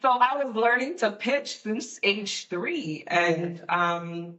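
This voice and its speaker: A woman from Guyana, a guest on a podcast panel, introducing herself earnestly and reflectively with many pauses and fillers. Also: medium pitch, a bit bright, far from the mic. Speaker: guest, nonprofit CEO.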